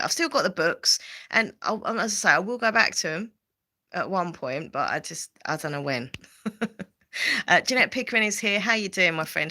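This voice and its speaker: Essex woman host, low and bright-toned, rambling casual chat, lots of fillers. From Southend, England. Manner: rambling and chatty, with frequent fillers and repeats. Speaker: livestream host.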